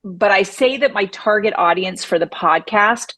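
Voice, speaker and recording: As a podcast guest, a woman who survived breast cancer speaks emphatically and with self-assurance in a conversational interview. Her mid-range voice has a sharp tone and normal speed, with no echo.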